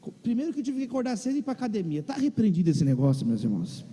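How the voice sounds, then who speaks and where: Racing along with huge pitch swings, a male pastor with a high, dark, slightly rough voice tells his congregation a funny story from his own life mid-sermon. His accent is Brazilian Portuguese, and a large church or auditorium gives the recording a long hall reverb.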